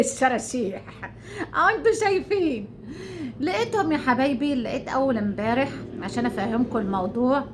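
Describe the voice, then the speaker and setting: A woman's voice: high voice, a little hiss or hum. A middle-aged Egyptian woman talking casually to her viewers, indignant and rambling, repeating her phrases. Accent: Egyptian Arabic. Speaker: YouTuber. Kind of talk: casual talk to camera.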